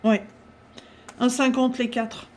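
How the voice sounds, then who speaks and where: A woman chatting casually through a craft-supply haul, talking with many pauses and fillers. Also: a little high, little pitch movement, darkish tone.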